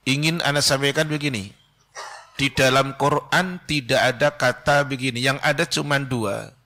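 A middle-aged man giving a Friday sermon from a mosque pulpit, slow and measured, with quick Arabic recitation. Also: mid-range voice, fairly even intonation, sharp tone. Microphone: stand mic close to mouth.

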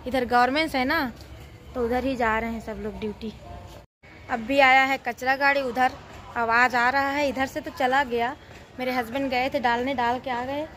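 A woman's voice: high-pitched, fairly bright tone, slight background noise. A woman in her twenties chatting casually as a home vlogger, showing viewers around. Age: 20s. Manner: chatty, shows things to viewers. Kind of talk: casual home vlog chat. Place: home kitchen and rooftop.

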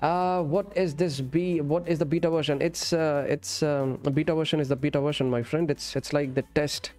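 A man's voice: a little high, fairly even intonation, moderate pace, a little mellow. A man, chatting casually and in a friendly way as he streams a game. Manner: friendly, addresses viewers as friend and brother, switches between English and Urdu. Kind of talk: casual live-stream chat while gaming. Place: indoor streaming setup. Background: music.

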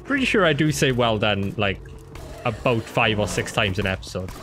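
Brief: male gamer co-host, playful teasing tone, lively pitch, music under the chat. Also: moderate pace. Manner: teasing, laughs a lot, playfully dry. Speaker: co-host playing a video game. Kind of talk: casual gaming chat.

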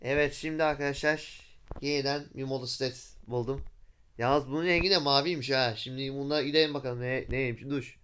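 A young man with a Turkish accent giving casual, excitable commentary while playing a video game, whooping loudly at stunts. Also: mid-range voice, a little fast, a little hiss or hum. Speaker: gameplay YouTuber.

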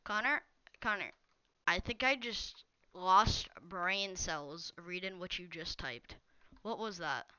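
A woman's voice: fairly low pitch, slow, sharp tone, clean tone, dry recording, highs cut off. A young woman live-streaming a game, chatting casually and teasing viewers as she reads their messages. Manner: teasing, talks straight to viewers reading chat. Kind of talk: casual live-stream chat while gaming.

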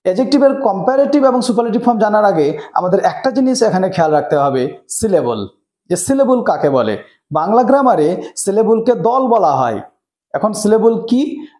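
A man's voice: high-pitched, big pitch swings, normal speed, mellow. A man, teaching a grammar lesson to students and explaining each rule step by step. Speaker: English teacher. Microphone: camera mic, presenter on screen. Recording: echoey room.

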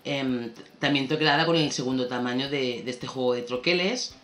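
A woman's voice: a bass voice, normal speed. Chatty woman narrating a craft tutorial. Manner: chatty, relaxed, thinking aloud while working. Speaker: scrapbooking tutorial host. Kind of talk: casual craft tutorial voice-over. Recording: roomy sound with faint background music.

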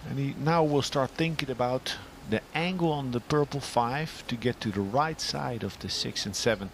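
A man from Europe commentating live on a pool match, calmly explaining each shot and position. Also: mid-range voice, a little hiss or hum. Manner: measured, analytical shot-by-shot explanation.

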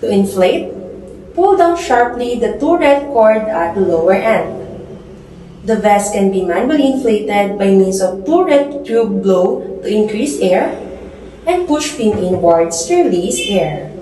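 A woman's voice: medium pitch, big pitch swings, mellow. Echoey airport announcement by a young woman. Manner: formal, measured public-address delivery. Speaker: flight attendant. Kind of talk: scripted airport and cabin announcement, like a boarding call. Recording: echoey, reverberant, faint background noise.

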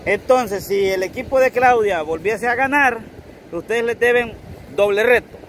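A man with a Salvadoran accent hosting an outdoor TV game, teasing and giving instructions in a casual, lively way. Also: very high-pitched, unhurried, slight background noise. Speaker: TV game host. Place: outdoors on a sandy shore.

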